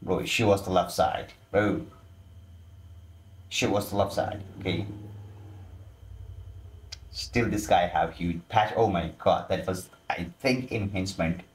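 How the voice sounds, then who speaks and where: A man's voice: low-pitched, slow pace, pauses often. A man giving casual voice-over commentary with frequent exclamations and loose, informal phrasing. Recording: roomy echo.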